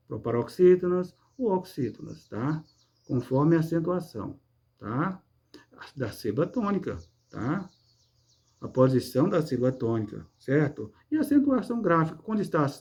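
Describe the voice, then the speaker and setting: A man's voice: a little high, darkish tone. Patient teacher, a man checking in constantly. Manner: asks rhetorical questions and then answers them himself. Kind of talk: online class lesson.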